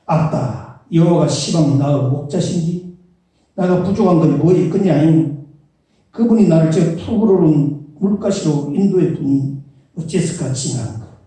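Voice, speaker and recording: A folksy, exclamatory Jeolla man drawls along, louder and higher than a plain voice, as a pastor puts him on. The voice is dark and mellow. It echoes heavily through a large church hall, heard from a distance. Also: a little slow, lightly acted. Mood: exuberant. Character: boisterous man from the southwest, folksy.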